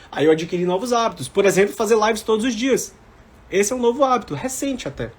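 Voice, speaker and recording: A Brazilian-accented man around forty, who mentors people studying for civil service exams, coaches his live-stream audience in a loose, motivational way. His voice sits slightly high with a faint hiss or hum underneath, and he drives his points home by repeating key phrases.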